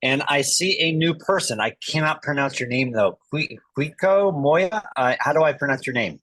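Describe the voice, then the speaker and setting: A man hosting an online meetup over a video call with a bad internet connection, talking casually with halting restarts. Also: on the high side, lively intonation, fairly bright tone, no room sound. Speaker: meetup host.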